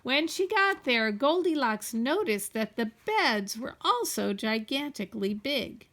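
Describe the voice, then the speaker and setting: A woman reading a children's story aloud in an expressive, playfully wry and deliberate way. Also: on the high side. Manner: playfully wry, deliberate, addresses young listeners. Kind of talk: animated storybook read-aloud.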